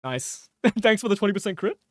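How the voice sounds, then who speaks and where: Young dude streaming, rambly and sweary, kinda high voice, dry close sound. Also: male voice, sing-song, fairly quick, a bit bright, no room sound. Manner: rambling, swears freely, laughs at himself. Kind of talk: casual gameplay stream chat.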